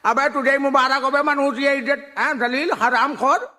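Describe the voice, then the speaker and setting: A man's voice: very high-pitched, fairly even intonation, moderate pace, bright, forceful tone. A man in a comic sketch, irritable and scolding, laughing as he rants. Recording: hall reverb with clear noise.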